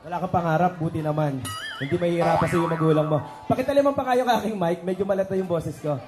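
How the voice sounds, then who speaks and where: A man's voice: high-pitched, fast talker. A man hosting a children's party as the magician, teasing the guests and leading cheers over a microphone. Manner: joking, teasing, coaxes kids and guests. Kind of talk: lively party hosting with crowd banter. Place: indoor party venue with PA speakers. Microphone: handheld microphone through PA. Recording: echoey PA sound with party music. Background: party music.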